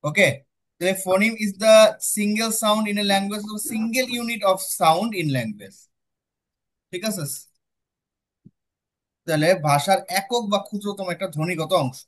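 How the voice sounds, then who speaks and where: Young male tutor with a Bangladeshi accent, high bright voice, checks in with students a lot. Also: slow pace, long pauses. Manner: explains step by step, checks in with students often. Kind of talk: classroom lecture with student questions.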